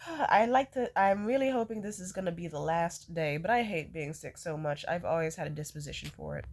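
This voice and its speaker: Woman, sick, nasally congested, casual rambling storytelling, animated, dramatic complaints, lots of swearing. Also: fairly low pitch, fairly quick. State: sick with a cold, congested nose. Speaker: vlogger.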